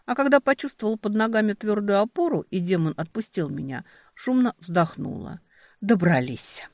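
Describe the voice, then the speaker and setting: A woman narrating a first-person romantic fantasy audiobook, expressive and lively on the heroine's lines. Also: medium pitch, fairly quick, creaky, no echo, studio quality.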